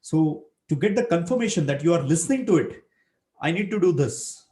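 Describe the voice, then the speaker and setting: Pitched on the high side with a dark tone, the voice moves a little fast and has lively intonation. The speaker is a man from Maharashtra with a Marathi Indian accent, coaching emphatically in a motivational business webinar, repeating key lines and blending Hindi with English.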